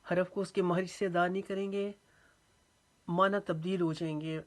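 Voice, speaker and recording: A woman teaching Quran recitation rules, slowly drawing out recited phrases and then explaining each rule patiently. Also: fairly low pitch, steady tone. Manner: breaks words into syllables and draws out recited phrases slowly. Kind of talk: tajweed lesson with slow recitation.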